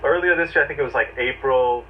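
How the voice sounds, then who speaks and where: A man's voice: medium pitch, fast. A man giving a conversational legal explainer, telling it step by step in emphatic short phrases. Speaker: legal commentator. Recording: distant, dull, noisy replayed audio.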